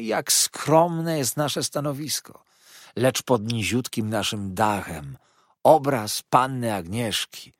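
A man's voice: medium pitch, dry recording, studio quality, voice pushed up, full character voice. A man voicing a sly, falsely humble young male clerk who talks in a sugary, wheedling, obsequious way.

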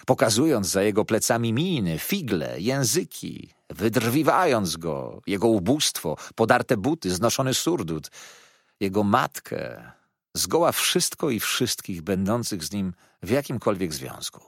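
A man reading a classic novel aloud as an audiobook narrator, with expressive storytelling. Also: lowish voice, unhurried, creaky, dry recording, studio quality.

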